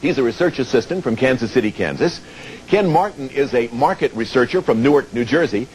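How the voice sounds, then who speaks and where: A man's voice: mid-range voice, lively intonation, a little fast, a little mellow, a little hiss or hum, poor audio. An American man hosting a TV game show, presenting to players and viewers and explaining things step by step. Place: TV studio.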